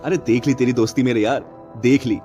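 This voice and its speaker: A man's voice: medium pitch, fairly even intonation, a little fast, dark tone, muffled recording, faint music behind, voice pushed down, natural voice. A man voicing a hot-tempered, suspicious farmer in a cartoon story, talking in a sulky, accusing way.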